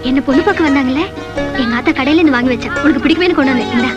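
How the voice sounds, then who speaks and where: Actress doing bold young village girl, talks fast and sharp, really high pitch. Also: lo-fi sound, music in the background, lightly acted. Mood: soft. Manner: bold, scolding, quick retorts. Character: fiery young village woman, sharp-tongued. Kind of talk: Tamil film acting. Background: loud film score.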